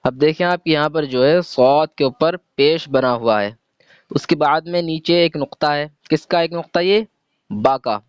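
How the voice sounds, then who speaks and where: A man teaches a slow, step-by-step reading lesson, patiently spelling out letters and sounds individually and answering his own questions. His voice is fairly high with a clean tone. The recording is dry and has a dull, lo-fi quality.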